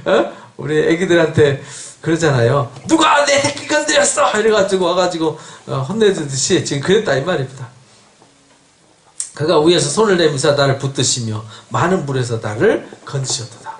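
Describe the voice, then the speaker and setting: A middle-aged male pastor preaching an expository sermon in a church, animated and quizzing his congregation with questions. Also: fairly high pitch, moderate pace. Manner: animated, asks the congregation questions, acts out an angry God. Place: church sanctuary. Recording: echoey church hall.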